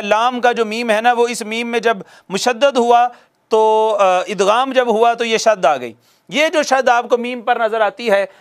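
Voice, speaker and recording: Man, very high voice, recitation teacher, patient dictation, asks and answers his own questions. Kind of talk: classroom lesson with repetition and questions.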